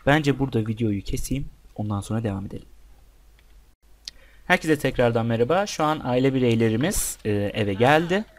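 A young man gives casual let's-play commentary, chatting with the game's characters and with his viewers as he plays. His medium-pitched voice is animated and brisk.

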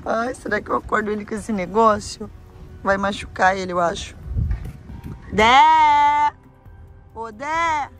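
A woman's voice: medium pitch, a little fast, faint music behind. A woman with a Brazilian Portuguese accent, filming a scripted adventure vlog outdoors on a handheld phone and exclaiming to her viewers. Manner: excitable, exclaims a lot, talks straight to viewers. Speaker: family vlogger.

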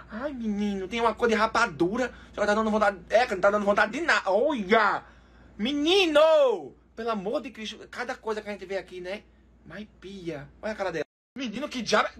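A man with a Northeastern Brazilian accent giving comic reaction commentary on videos, full of quick exclamations and mock outrage. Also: very high-pitched, a bit bright, breathy edge.

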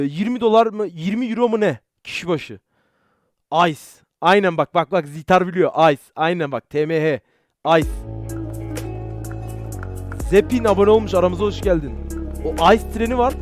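A young man chatting casually on a live stream, telling stories excitedly, swearing often and greeting viewers. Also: high-pitched, dry recording, studio quality. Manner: swears a lot, excitable storytelling.

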